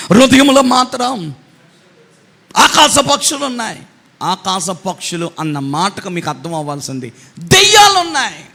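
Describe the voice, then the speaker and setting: A man preaching a sermon as pastor, swinging from quiet asides to shouted refrains. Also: sits high, long reverb tail.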